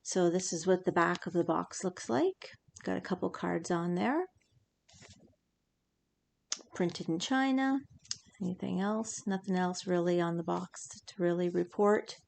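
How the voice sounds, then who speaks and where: Chatty, slightly hoarse woman rambling. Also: lowish voice, moderate pace, a little mellow. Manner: chatty, self-interrupting, lots of fillers. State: slightly hoarse from incense smoke. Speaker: tarot deck reviewer. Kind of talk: casual rambling deck review. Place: indoors at home, incense burning.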